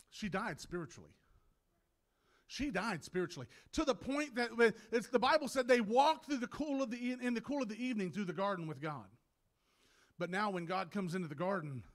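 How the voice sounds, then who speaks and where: A man preaching a sermon, often restarting his words, sometimes choked up and clearing his throat, and rising to loud, shouted passages. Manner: builds from low, halting talk to loud, shouted preaching with many restarts.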